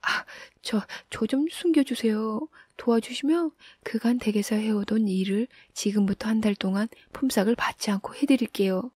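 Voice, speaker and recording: A woman's voice: a little high, normal speed, few pauses, darkish tone, slightly rough, no echo, clean studio sound, pitched above the performer's own voice. A sly young bachelor son, as a woman narrator plays him. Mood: pleading.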